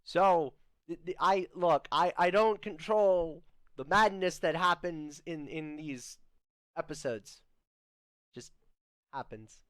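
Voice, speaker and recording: A young man hosts a comedy skit, speaking slowly in a clear, smooth voice. He stammers and restarts his sentences often. The sound is close and dry, with no room around it. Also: on the high side, fairly bright tone, dry recording. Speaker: host. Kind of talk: comedic scripted podcast skit.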